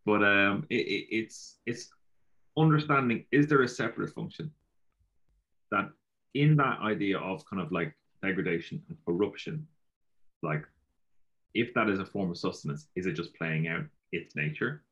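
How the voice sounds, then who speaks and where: Speaking in a west of Ireland accent, this man from Galway talks in a relaxed, philosophical way, going over the same points and leaning on "you know." His lowish voice is animated and fairly bright, at a moderate pace, on a lo-fi recording.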